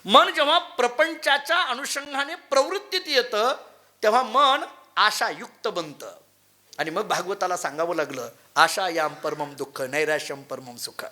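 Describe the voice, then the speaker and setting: A male devotional preacher giving a sermon in a temple, telling stories and chanting scripture quotes with lively emphasis. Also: sits high, unhurried. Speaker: kirtankar preacher. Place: temple hall.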